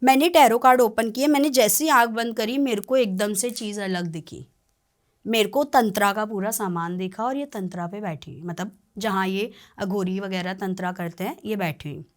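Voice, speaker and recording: Speaking at a normal speed in a mid-range voice, a woman who practices tarot reading and spirituality shares a client's story on a podcast. Her telling is animated and sincere, with frequent checks that listeners follow.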